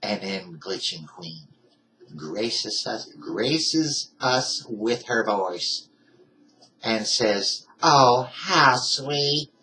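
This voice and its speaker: Guy ranting on his channel, fired up and folksy, bright voice, bit of hiss behind. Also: lowish voice, extremely slow, poor audio. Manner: heated, indignant, folksy. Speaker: YouTuber. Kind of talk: ranting vlog.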